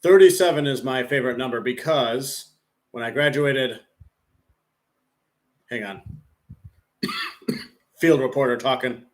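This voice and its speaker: A man live streaming a football game, rambling casually with lots of "like" fillers and relaxed play-by-play. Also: mid-range voice, takes it slowly, pauses often. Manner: rambling, heavy use of "like" fillers.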